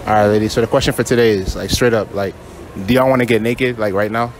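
A man's voice: fairly low pitch, fairly even intonation, fast, a little hiss or hum. A young man doing a casual prank street interview in a shopping mall with a handheld mic, laid-back and teasing, filling his talk with "you feel me" and "like".

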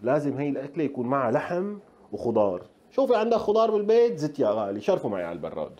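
A male cooking-show host with a Levantine Arabic accent walks viewers through a recipe in a home kitchen. His pace is brisk and his voice sits at a middling pitch. He keeps up a chatty, playful stream of remarks aimed at the audience. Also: huge pitch swings, mellow. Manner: chatty, speaks straight to viewers, playful asides. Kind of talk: casual cooking tutorial.

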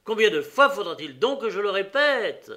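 A man voicing an enraged male prisoner in his thirties who shouts a defiant murder confession, in a storybook reading. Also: high-pitched, very animated, normal speed, voice pushed up, heavily acted. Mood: furious.

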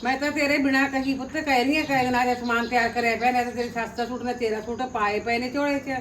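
A woman's voice: a little high, fairly even intonation, fairly bright tone, a little hiss or hum, natural voice. An actress playing a middle-aged village mother with a Punjabi accent, soothing her married daughter on the phone. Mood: reassuring. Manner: fast, soothing, repeats "putt".

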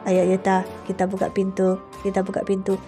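A nervous companion voice from a game roleplay, put on by a woman, pitched well under her usual squeak and kept low and fearful. Soft music runs faintly beneath. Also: monotone, brisk, lightly acted. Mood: hushed nervous.

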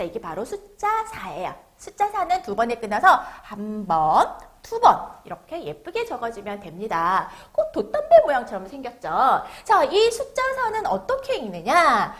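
High, lively female children's teacher. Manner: sing-song, slow drawn-out counting for children to repeat. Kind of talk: children's math lesson.

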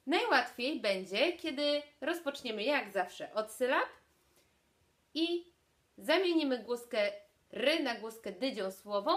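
A young woman speech therapist giving a video lesson, clearly articulating and demonstrating sounds. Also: high-pitched.

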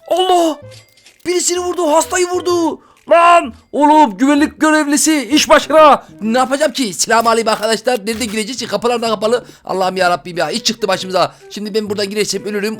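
A man with a high voice who talks fast, narrating a video game for his viewers. He keeps bursting into loud, excitable exclamations. Faint game music plays underneath. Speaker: gaming YouTuber. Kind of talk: excited let's-play commentary.

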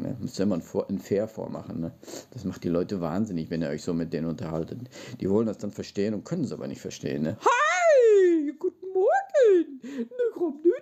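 A man's voice: lowish voice, creaky, mellow. A middle-aged man chatting casually and playfully to a live audience, rambling along and tagging his sentences with little questions. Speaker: livestreamer. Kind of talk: casual live chat to viewers. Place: indoor room. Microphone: phone at arm's length.

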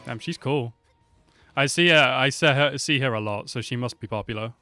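Speaking at a normal speed into a close desk mic, a reaction video host in his twenties comments casually while game trailer music plays behind him. His mid-range voice sounds pushed and bright.

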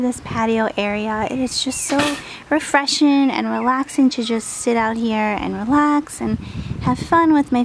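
A woman's voice: a little high, creaky, a little hiss or hum. A woman in her thirties giving casual, chatty voice-over narration for a home cleaning vlog. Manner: chatty, upbeat, homey. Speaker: cleaning vlogger.

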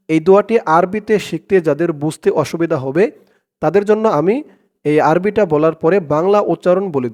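A man teaching prayer recitation, spelling it out letter by letter and chanting each word slowly and drawn out. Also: fairly high pitch, a little mellow. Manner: slow, drawn-out chanting of the Arabic words, brisk plain explanations between.

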